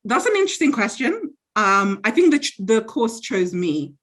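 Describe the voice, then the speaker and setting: A woman's voice: on the high side, very animated, normal speed. A woman from Zambia, around thirty, answering interview questions in a chatty, self-assured and reflective way. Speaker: interviewee, university graduate.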